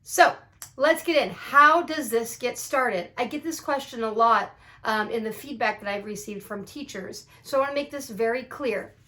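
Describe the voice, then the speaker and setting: A woman's voice: fairly high pitch, moderate pace, hardly any pauses, sharp tone. A woman teacher explaining how a classroom icebreaker works, upbeat, walking through examples and acting out steps. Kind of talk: instructional explainer video.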